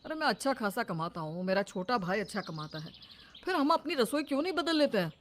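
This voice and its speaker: A woman's voice: fairly high pitch, very animated, a little fast, slight background noise. A woman voicing an earnest grown man, a son and husband, in a cartoon story. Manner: earnest, pleading.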